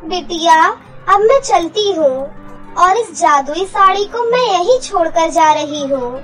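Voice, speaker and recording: A woman's voice: extremely high pitch, animated, measured pace, fairly bright tone, faint music behind, exaggerated voice. A woman voicing a loving magical mother in a cartoon story, tender but stern. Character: loving ghostly mother, gentle but vengeful.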